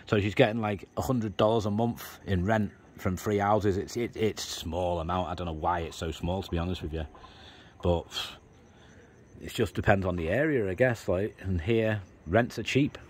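A man's voice: sits low, normal speed, slight background noise. A man, talking casually as he films a tour of a small rented house, rambling and explaining as he goes. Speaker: travel vlogger giving a house tour. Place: outdoors on a house terrace and indoors in small rooms. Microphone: handheld phone camera.

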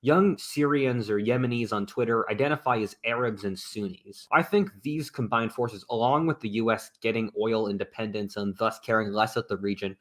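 A man narrating a scripted video essay in a measured, opinionated way, played inside another video. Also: on the low side, a bit bright.

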